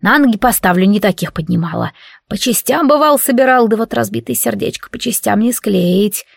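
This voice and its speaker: A grumbling old witch woman, put on by a woman narrator in a storybook reading. She scolds in homely, old-fashioned country speech, pitched a little higher than plain talk. The sound is dry and close. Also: expressive, brisk, creaky, no echo. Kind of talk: audiobook character voice.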